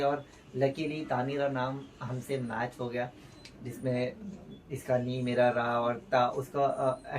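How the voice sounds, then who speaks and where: A young man, a vlogger and new father, telling a personal story in a heartfelt, rambling way with restarts. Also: medium pitch. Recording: distant mic with faint ambient noise.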